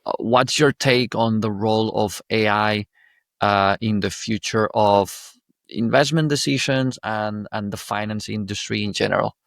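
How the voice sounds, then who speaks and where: Male podcast host, Spanish accent, low gravelly voice, dry close sound. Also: steady tone, fairly bright tone, no echo. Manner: halting, many restarts, friendly. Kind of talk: casual interview talk.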